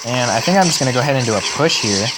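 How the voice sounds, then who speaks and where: A man's voice: medium pitch, expressive, very fast, very noisy. Chatty young man with a fraying voice, rambling over gameplay. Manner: rambling, self-correcting, chatty. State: losing his voice. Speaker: gaming channel host. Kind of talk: casual gameplay commentary.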